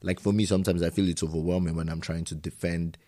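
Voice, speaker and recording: Deep-voiced rambling male interviewer. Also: fairly even intonation, fast, mellow. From immigrant to Germany. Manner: rambling questions, frequent restarts. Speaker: podcast host. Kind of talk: casual interview.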